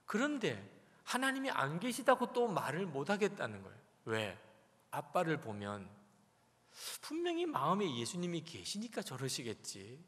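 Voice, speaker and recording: A man's voice: fairly high pitch, huge pitch swings, normal speed, fairly bright tone. A male pastor preaching a sermon at a revival service, telling a story and acting out the voices in it. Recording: long reverb of a church hall.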